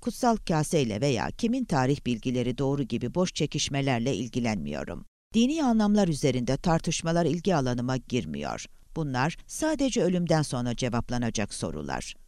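A smug, menacing kidnapper, as read by a man, speaking calmly and formally with a sweeping, lively pitch. Every line drips with quiet condescension. The sound is dry and close, with no room at all. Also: brisk, few pauses, dry recording. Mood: cold, condescending. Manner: calm, taunting, formal. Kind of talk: audiobook character voice.

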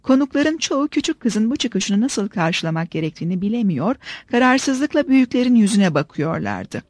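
A woman narrating an audiobook in a steady, measured reading. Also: mid-range voice, no echo. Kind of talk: scripted narration.

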